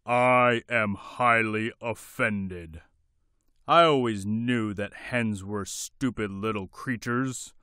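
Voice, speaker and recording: A man voicing a pompous, angry king with a big, deep, gruff voice, shouting in a storybook reading. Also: dry recording, studio quality, heavily acted.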